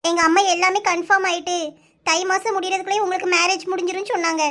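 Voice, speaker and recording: Woman doing a squeaky tearful young village girl. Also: little pitch movement, fast, bright, forceful tone. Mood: doubtful. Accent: Kanyakumari Tamil. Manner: pleading and sulky, high squeaky voice. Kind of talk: cartoon voice acting.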